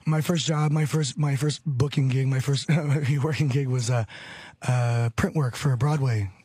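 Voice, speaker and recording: A man's voice: medium pitch, fairly even intonation, normal speed, mellow, breathy edge, dry recording. A man in his thirties from Hollywood, California, chatting as a radio show guest, rambling and repeating phrases with frequent chuckles. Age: 30s. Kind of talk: casual radio chat.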